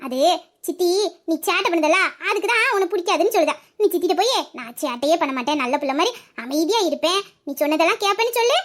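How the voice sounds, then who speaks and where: A woman's voice: very high voice, animated, fast talker. A woman voicing a patient, wry young mother who coaxes her son. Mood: coaxing.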